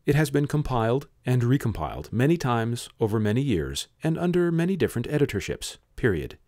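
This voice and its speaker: A man reading a book passage aloud, dictating each punctuation mark in a lower, flatter voice. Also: brisk, dry recording, clean studio sound. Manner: reads aloud, saying punctuation marks in a low flat drop. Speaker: reader.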